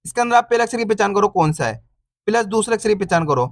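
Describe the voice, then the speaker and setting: A man teaching reading online, sounding out syllables slowly, repeating each word and encouraging viewers as friends. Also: sits high, lively intonation, no echo.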